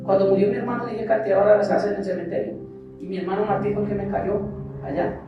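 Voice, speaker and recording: In an echoey church sanctuary, picked up by a far mic with music behind him, a male pastor preaches a sermon and tells his own testimony while asking the congregation rhetorical questions. His voice sits high with little pitch movement, he speaks fast, and the sound is lo-fi.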